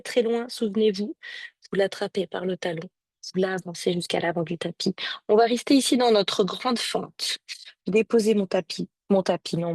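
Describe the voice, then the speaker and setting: A woman yoga teacher giving calm step-by-step cues and breath counts to a class over a video call. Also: mid-range voice, no room sound. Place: home or studio, streamed on a video call. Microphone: video call microphone.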